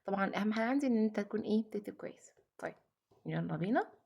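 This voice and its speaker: A woman with an Egyptian Arabic accent teaching a children's phonics lesson. She repeats letter sounds slowly and drawn out, and mixes English words into her Arabic. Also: mid-range voice, expressive, gravelly, a little mellow, husky.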